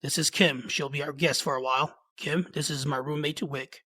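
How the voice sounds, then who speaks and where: A man voicing a guarded young man with a gravelly voice who talks bluntly, in a storybook reading. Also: a little high, steady tone, normal speed, bright, forceful tone, dry recording, clean studio sound. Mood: gruff. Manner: blunt, terse.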